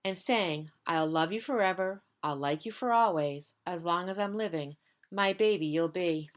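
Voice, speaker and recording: Reading a children's storybook to young pupils, a woman on the school staff draws out each repeated phrase. She has a lowish voice and a moderate pace.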